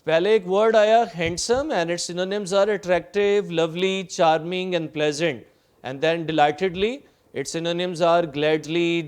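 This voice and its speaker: Man, English teacher, high clear voice, slow deliberate reading, methodical synonym lists. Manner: reads English lines slowly, then paraphrases them quickly in Urdu. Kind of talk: recorded lecture explaining a play line by line.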